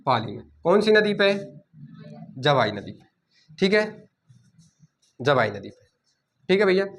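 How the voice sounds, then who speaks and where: A man teaching a coaching class, dictating notes and repeating key words slowly so students can write them down. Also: sits high, bright, forceful tone.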